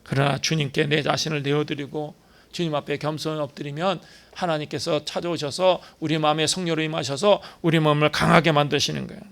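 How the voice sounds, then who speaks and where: A man's voice: a little high, a bit bright. A male pastor preaching a sermon, emphatic, asking rhetorical questions and dropping in short affirming "yes" interjections.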